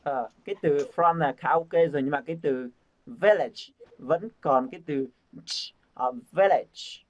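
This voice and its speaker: Guy teaching pronunciation, kinda high voice, keeps repeating sounds, dull lo-fi audio. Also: moderate pace. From Vietnam. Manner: coaxing, drills sounds by repeating them over and over. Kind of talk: casual group lesson.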